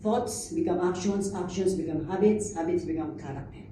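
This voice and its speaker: A woman from the Philippines preaches in a casual, lively way, laughing often and slipping into the voices of people she quotes. She is heard from a distance in a very echoey church hall. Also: lowish voice, normal speed, slight background noise. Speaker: preacher, pastor's wife. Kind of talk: conversational sermon mixing English.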